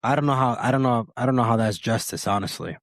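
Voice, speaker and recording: A man's voice: medium pitch, fast, no echo, studio quality. Blunt, emphatic male podcast host. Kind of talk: casual podcast commentary.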